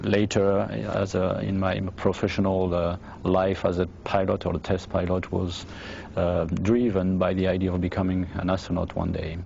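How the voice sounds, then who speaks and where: A man from France with a French accent, speaking as an astronaut in a documentary interview, halting and full of fillers. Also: sits low, level tone, gravelly, darkish tone, a little hiss or hum. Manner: halting, many fillers and restarts. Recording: dull lo-fi recording.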